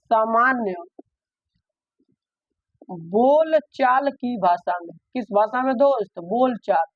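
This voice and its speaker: A man's voice: sits high, no echo. A man teaching a school math lesson, asking questions and answering them himself, repeating points often. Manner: repetitive, asks and answers his own questions. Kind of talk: classroom lesson. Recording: dull, dry lo-fi recording.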